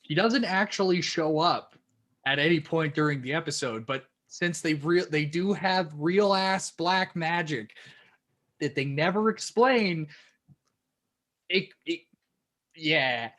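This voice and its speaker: A man's voice: a little high, takes it slowly, a bit bright. A man co-hosting a podcast review, laid-back and casual, with dry quips. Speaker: podcast co-host.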